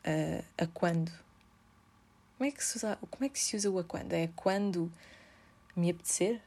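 A woman's voice: on the low side, fairly quick, dark tone. Chatty young woman with a European Portuguese accent. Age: 20s. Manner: chatty and informal, heavy slang, English words mixed in. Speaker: podcast host. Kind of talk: casual monologue.

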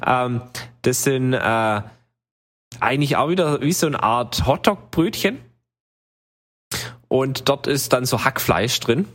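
A man's voice: medium pitch, expressive, slow, pauses often. A man telling a long travel story in casual chat, rambling with many fillers. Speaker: podcast co-host telling travel stories.

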